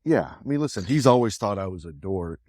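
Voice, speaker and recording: Middle-aged guy co-hosting a podcast, lowish voice, dry close sound, just wanders through his story. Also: expressive, a little fast, a little mellow, dry recording. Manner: meandering anecdotal storytelling. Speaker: co-host. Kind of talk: casual podcast chat.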